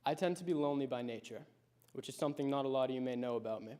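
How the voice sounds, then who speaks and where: Speaking from a prepared personal speech, a high school senior in his late teens recounts his story in a reflective, measured fashion. His tone is clean and slightly mellow.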